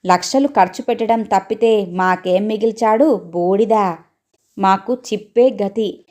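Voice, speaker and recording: A woman's voice: mid-range voice, unhurried, natural voice. Woman reading as a harsh scolding mother. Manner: loud, scolding, cursing. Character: harsh sharp-tongued middle-aged mother.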